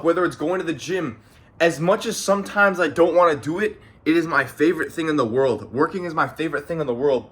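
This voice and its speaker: A little high and fairly bright in tone, this young man's voice carries a rambling motivational monologue to camera from home. He's a late-teens Canadian vlogger, a young adult who talks casually and profanely, often repeating phrases and saying "bro."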